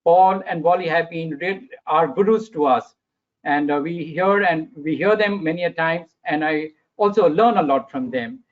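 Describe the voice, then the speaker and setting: A man's voice: fairly high pitch, moderate pace. A man from India with an Indian English accent, formally introducing the speakers as webinar moderator, with many hesitant uhs. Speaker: regional marketing director and webinar moderator. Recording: dull lo-fi webinar audio.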